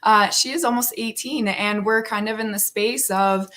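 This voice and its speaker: A woman in her thirties with a rough morning voice, chatting casually and earnestly on a live stream. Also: mid-range voice, normal speed, a bit bright. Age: 30s. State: morning frog voice. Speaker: livestream host.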